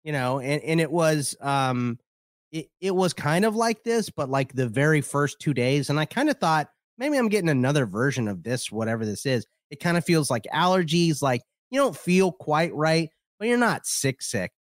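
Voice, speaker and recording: A man co-hosting a casual podcast, sick and wheezy, talking in a halting, rambling way. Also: a little high, lively intonation, no room sound, clean studio sound. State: sick with a cold, wheezy, congested. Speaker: podcast co-host.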